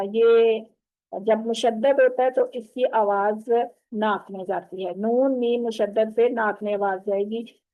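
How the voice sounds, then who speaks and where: Over a video call with tinny, phone-like audio, a woman gives an online tajweed lesson, patiently explaining each sound and modelling it with slow, drawn-out recitation. Her pitch is medium.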